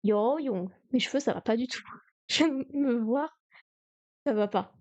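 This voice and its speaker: A woman's voice: fairly high pitch, a little slow, darkish tone. A woman on a live stream studying Chinese vocabulary, repeating words, counting strokes aloud and chatting to herself as she goes.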